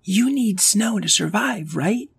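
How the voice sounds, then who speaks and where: Brief: storyteller doing a spirited storybook heroine, bright and pushy, a touch husky. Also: medium pitch, lively intonation, slow, pitched above the performer's own voice, full character voice. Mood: eager. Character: spirited young adventurer girl.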